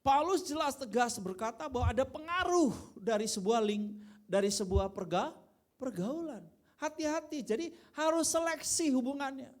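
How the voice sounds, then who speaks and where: A male pastor from Indonesia preaching a sermon in a casual, conversational way, dropping to quiet asides and then rising into loud, emphatic bursts. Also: very high-pitched, moderate pace. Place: church worship service.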